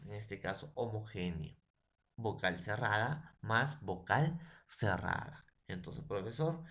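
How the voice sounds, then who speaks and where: A Peruvian man with a Peruvian Spanish accent, a secondary school language teacher giving a recorded lesson, who spells words out syllable by syllable and keeps checking understanding with tag questions. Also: fairly low pitch. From Peru.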